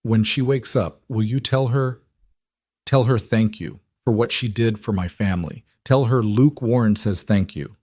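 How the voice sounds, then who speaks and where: A man voicing a tired, emotional single father, speaking hoarsely in a read-aloud story. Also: on the low side, measured pace, darkish tone, no echo. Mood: shaken. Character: worn-out single father, shaken.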